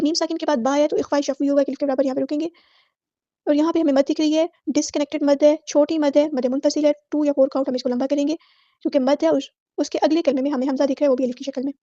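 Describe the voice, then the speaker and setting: A woman teaching Quran recitation rules. She explains each rule briskly in a methodical way, then recites the words slowly and draws out the vowels. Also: high voice, steady tone, mellow, no room sound. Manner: methodical, repeating set phrases for every letter. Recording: dull lo-fi dry audio.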